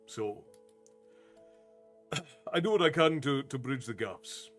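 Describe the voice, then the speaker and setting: An American-born man hosts a storytelling live stream in a relaxed, chatty way, wandering through long explanations for his viewers. His voice sits at an ordinary middle pitch, with soft music playing faintly behind him. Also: slow pace. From United States. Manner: discursive, explaining history at length. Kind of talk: casual live-stream chat answering viewer comments.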